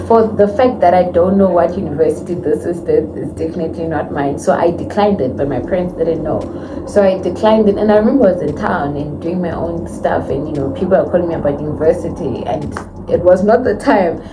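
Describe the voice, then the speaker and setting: Chatty young woman dental student. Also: fairly low pitch. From Zimbabwe. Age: 20s. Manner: chatty, candid and expressive. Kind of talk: personal storytelling to camera. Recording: distant mic with clear background noise.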